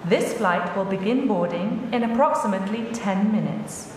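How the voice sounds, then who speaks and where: Actress as courteous female airport announcer on intercom, mid-pitched, formal, distant in a reverberant hall. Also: moderate pace, a little mellow, slight background noise, lightly acted. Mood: polite, formal. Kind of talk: scripted public announcement over the intercom.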